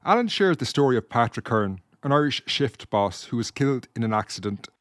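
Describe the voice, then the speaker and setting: A male documentary presenter with a mid-range voice reads scripted narration. His delivery is even and steady. The recording is dry, with no room sound. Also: mid-range voice, brisk, no room sound. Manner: even, read-aloud delivery. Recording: dry close studio sound.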